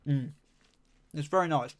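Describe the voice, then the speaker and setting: A man's voice: fairly high pitch, measured pace. A young man chatting casually on a live stream, reading chat and rambling with lots of fillers while humming to himself.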